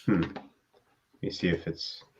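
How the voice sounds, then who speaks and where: A man's voice: measured pace, background noise. A man in casual chat on a video call whose voice comes through muffled, as if from behind a wall, picked up by a webcam mic. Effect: muffled, as if heard through a wall. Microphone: built-in webcam mic on a video call.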